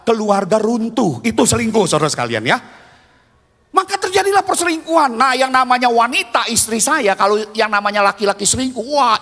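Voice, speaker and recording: A man in his fifties preaching a sermon as a pastor, telling stories with animated swings between loud and hushed. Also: extremely high pitch. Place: church. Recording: long reverb of a church hall.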